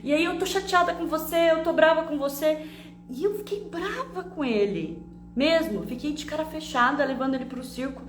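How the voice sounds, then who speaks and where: A woman with a Brazilian accent giving an expressive, animated talk that mixes a personal story with teaching. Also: high voice, normal speed, faint music behind. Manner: expressive, animated storytelling with frequent tag questions. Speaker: emotional education teacher. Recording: roomy with faint hum.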